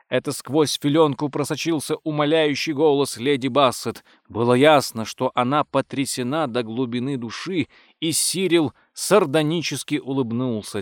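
A man narrating a comic novel in a measured, wry storytelling manner. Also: medium pitch, dry recording, studio quality. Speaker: audiobook narrator. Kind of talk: scripted narration.

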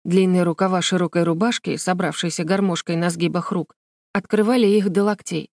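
A woman's voice: fairly low pitch, fairly even intonation, fairly quick, a little mellow, dry recording. Woman narrating a storybook, dry close sound. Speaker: audiobook narrator. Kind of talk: scripted narration.

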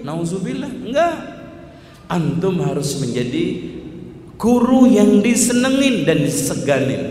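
Male preacher, animated lecture voice, echoey hall recording with faint room noise. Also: a little high. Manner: lively, acts out teacher and pupil dialogue. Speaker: Islamic teacher. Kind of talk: religious lecture on child education.

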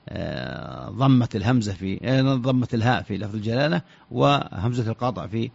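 A man giving religious rulings on a radio show, halting and often repeating words as he searches for the next one, on a dull lo-fi recording. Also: fairly low pitch, animated, gravelly, no room sound. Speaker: scholar answering religious questions. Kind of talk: radio fatwa answers.

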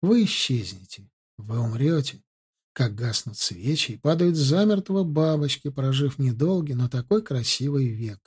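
Sinister gloating gentleman for an audiobook, slow and savoring, a male narrator doing it with a husky, mellow voice. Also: mid-range voice, big pitch swings. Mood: cold, mocking. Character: cruel, gloating man relishing a young woman's death. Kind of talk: audiobook character reading.

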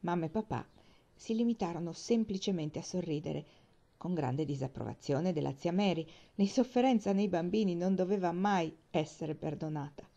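Woman reading a story, low mellow voice. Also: normal speed, gravelly. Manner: expressive storytelling. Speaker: audiobook reader. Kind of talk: audiobook narration. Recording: dull lo-fi recording.

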